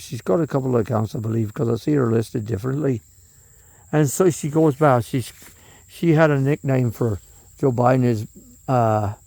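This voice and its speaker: A man's voice: medium pitch, creaky, mellow, no room sound. A man delivering a rambling, profane political monologue, often trailing off and restarting.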